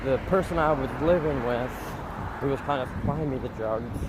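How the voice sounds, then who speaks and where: A man's voice: medium pitch, normal speed, very noisy. A man chatting casually as a streamer, rambling in a blunt, profane, meandering way. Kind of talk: casual rambling livestream chat.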